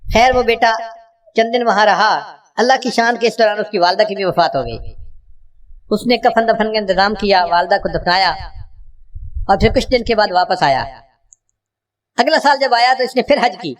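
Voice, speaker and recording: A man's voice: high voice, lively intonation, pauses often. A male preacher telling a moral story in a sermon, in an earnest, emotive way. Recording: voice distant from the mic.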